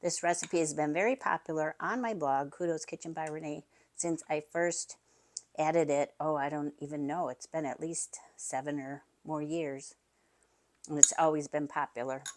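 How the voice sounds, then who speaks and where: A woman hosts a home cooking video, demonstrating a recipe casually while chatting enthusiastically and speaking straight to viewers, calling them "you guys." Her voice is low, with fairly even intonation and a normal speed.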